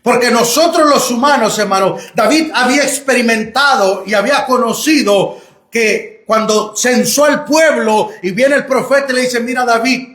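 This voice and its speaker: A man's voice: very high voice, a bit bright. A male pastor preaching a sermon in a church, emphatic and repeatedly calling listeners brother. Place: church sanctuary. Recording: echoey church room.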